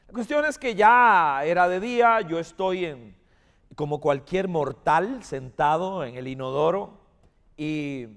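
Slow animated preacher man, hall reverb. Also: fairly high pitch. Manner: animated storytelling, calls for amens. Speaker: pastor. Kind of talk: sermon.

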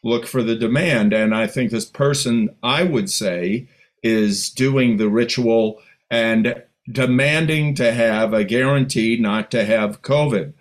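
Emphatic, deliberate man panelist. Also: mid-range voice. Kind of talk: professional discussion.

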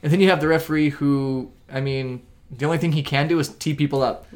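Man, slightly high voice, jokey co-host, quick playful quips. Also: steady tone. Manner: joking, playful interjections. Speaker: podcast co-host. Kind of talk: casual banter.

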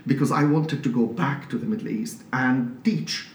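A man from Syria with a Syrian accent, a priest talking as an interview guest in a measured, explanatory way with frequent restarts. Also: mid-range voice. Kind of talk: conversational interview. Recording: roomy, slightly distant mic with faint noise.

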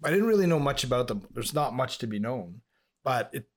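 A man's voice: medium pitch, sing-song, brisk. A man from Montreal, Canada, co-hosting a casual podcast chat and rambling through stories. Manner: chatty, rambling storyteller. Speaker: podcast co-host.

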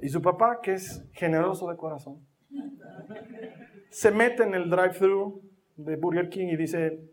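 High-voiced man preaching emphatically. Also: unhurried. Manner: emphatic, animated storytelling; rhetorical questions to the congregation. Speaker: pastor. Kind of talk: sermon.

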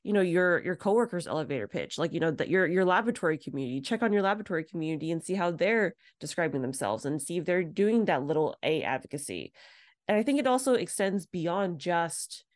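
A woman co-hosting a podcast in casual chat, telling stories and acting out both sides of conversations with big jumps in pitch. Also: quick pace, no room sound, studio quality. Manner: animated storyteller, acts out dialogue with big pitch jumps. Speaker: podcast co-host.

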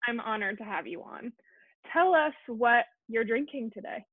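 A woman's voice: a little high, animated, slight background noise. Chatty young woman host, tinny line. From Colorado, USA. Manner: chatty, quick, self-deprecating. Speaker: podcast host. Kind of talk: casual chat. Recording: tinny phone-like call audio.

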